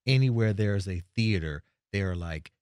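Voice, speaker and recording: A man's voice: fairly low pitch, lively intonation, moderate pace, darkish tone, clean tone, dry recording, clean studio sound. A man on a podcast panel, talking emphatically with many fillers and interjections. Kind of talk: casual podcast discussion.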